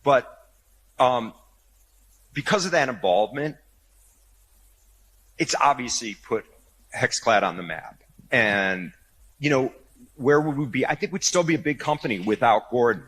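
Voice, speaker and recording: Brief: male CEO guest, slightly rough voice, casual anecdote-telling with quoted dialogue. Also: mid-range voice, lively intonation, measured pace, pauses often, fairly bright tone, low-quality recording. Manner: chatty, many restarts, acts out quoted dialogue. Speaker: company founder and CEO, guest. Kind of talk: casual interview storytelling.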